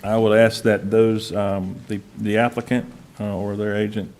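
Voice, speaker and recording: A man chairing a public board meeting in a folksy, halting, informal way. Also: fairly low pitch, little pitch movement, darkish tone. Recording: background room noise.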